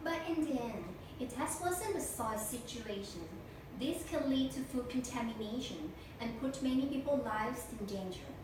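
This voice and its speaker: A young woman recites a memorized speech for a competition, stiff and deliberate. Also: a little high, lively intonation. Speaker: speech contestant. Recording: echo-heavy room, distant mic, noisy.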